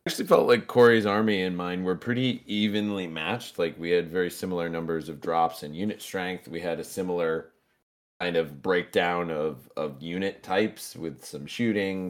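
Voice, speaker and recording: A man's voice: sits low, steady tone, normal speed. A man on a podcast, methodically recapping his tabletop games in detail. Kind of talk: casual chat.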